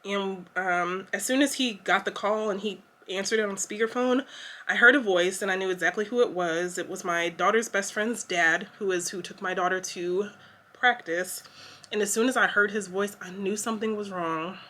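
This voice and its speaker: A woman's voice: medium pitch, moderate pace, pushed and bright. A young woman, telling a story to her vlog camera in a chatty, emotional way with lots of fillers. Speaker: vlogger. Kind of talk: casual story time to camera.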